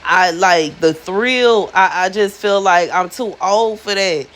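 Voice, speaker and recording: A woman's voice: mid-range voice, slow, a bit bright, rough recording. A woman in her thirties giving a casual, chatty monologue to her viewers, slangy and emphatic, often repeating herself for effect. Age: 30s. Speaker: spiritual influencer.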